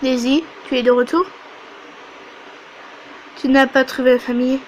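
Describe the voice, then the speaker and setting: A woman voicing a calm male guide who explains things patiently, a bit lower than her own voice. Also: moderate pace, a little hiss or hum, close to an everyday voice, rough recording.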